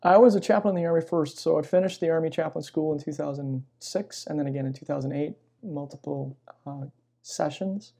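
A middle-aged man, a chaplain being interviewed, telling personal stories in a reflective, conversational way with pauses mid-phrase. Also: fairly high pitch, creaky, dark tone. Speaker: military chaplain and pastor, interview guest. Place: inside a church.

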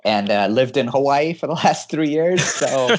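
A man's voice: medium pitch, animated, moderate pace, darkish tone. A man from California, a guest engineer giving eager, explanatory interview answers and laughing often as he talks.

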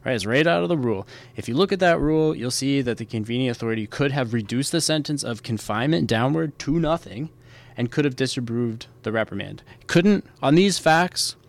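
A man's voice: mid-range voice, expressive, fairly quick, gravelly. A man hosting a podcast, explaining legal points in a casual, conversational way and repeating key points for emphasis. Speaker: podcast host, military lawyer.

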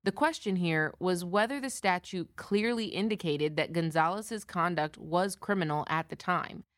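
American female legal presenter, lower-pitched, scripted case summary, dry close recording. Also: normal speed, no echo. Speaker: podcast co-presenter, military lawyer.

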